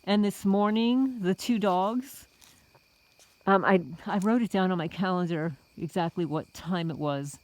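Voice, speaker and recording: This homesteading vlogger, a middle-aged Bronx native, talks to her audience in an indignant, casual monologue packed with rhetorical questions, calling them folks. Her voice is fairly low, unhurried and a little mellow.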